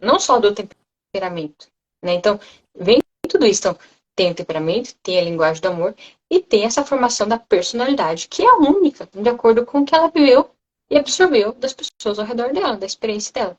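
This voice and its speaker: A woman's voice: a little high, fast, highs cut off. A woman with a Brazilian Portuguese accent, explaining parenting ideas in conversation and acting out children's voices as she goes. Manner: animated, acts out children's voices. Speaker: guest speaker on parenting.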